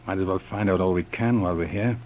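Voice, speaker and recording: An actor playing a cool, shrewd police inspector with clipped commands in a 1940s radio adventure serial. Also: male voice, low-pitched, fast talker, a little hiss or hum, natural voice. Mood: cautious, businesslike. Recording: muffled old radio recording.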